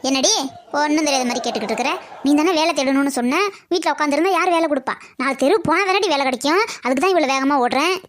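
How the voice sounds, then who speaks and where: A woman's voice: sits high, natural voice. A woman voicing a driven cartoon older sister who scolds her younger sister. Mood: brisk. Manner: brisk, scolding. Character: driven older sister rushing to find work. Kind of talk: cartoon comedy acting.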